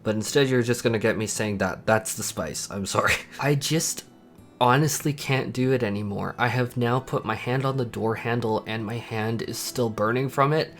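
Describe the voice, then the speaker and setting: A sad, dejected man talking casually and candidly in a personal vlog, halting and emphatic as he confesses his feelings. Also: medium pitch, soft background music. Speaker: content creator, channel host.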